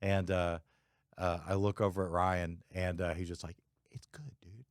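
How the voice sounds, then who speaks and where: A man's voice: low-pitched, little pitch movement, moderate pace, clean tone, dry recording, clean studio sound. A man hosting a podcast, chatting casually in a laid-back, rambling way full of fillers. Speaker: podcast host, photographer. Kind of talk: casual chat.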